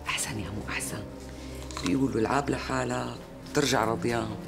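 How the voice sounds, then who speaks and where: An actress playing a sharp-tongued middle-aged Damascene housewife, scolding one moment and whispering schemes the next, in a TV period drama. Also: female voice, extremely low pitch, steady tone, rapid-fire, gravelly, music in the background. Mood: scheming. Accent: Damascene Arabic. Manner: scolding, scheming, hushed asides.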